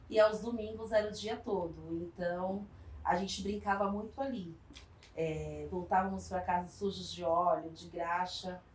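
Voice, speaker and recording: Recorded on a distant mic in an echoey room with faint noise behind her, a São Paulo woman in her forties recounts her life for an interviewer. Her pitch sits in the middle, and she pauses to reflect and hesitates a little. A community project worker, she tells it warmly, often hesitating and tossing in tag questions.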